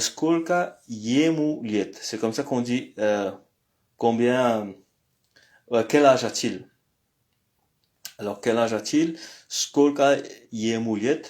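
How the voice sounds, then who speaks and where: Slow, hesitant man teaching. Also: medium pitch. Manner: slow and hesitant, many pauses and "euh". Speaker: language teacher. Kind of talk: screen-recorded lesson.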